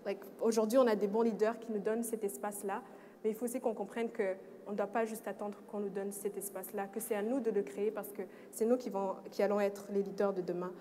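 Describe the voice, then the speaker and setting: A woman's voice: mid-range voice, fairly even intonation, fast talker, warm tone. Young woman panelist in a reverberant hall. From Rwanda. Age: young adult. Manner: earnest, switches between French and English, frequent restarts. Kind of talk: personal testimony on a panel. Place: event hall. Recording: long reverb of a hall, faint noise.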